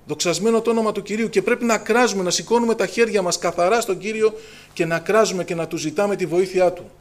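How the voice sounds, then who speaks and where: Fervent high-voiced male preacher. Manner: fervent, preacher's call-and-response, raises voice on scripture. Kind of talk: Pentecostal sermon.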